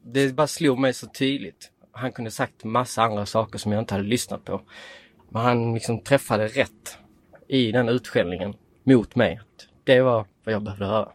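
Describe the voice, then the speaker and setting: Swedish man telling a story on a podcast. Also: medium pitch. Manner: lively storyteller who acts out quoted dialogue. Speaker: guest.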